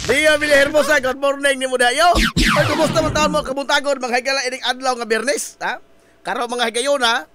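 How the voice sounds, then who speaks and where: A man's voice: very high-pitched, steady tone, brisk, bright, forceful tone. A man hosting a morning radio talk show, playful and joking, with sing-song greetings. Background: background music.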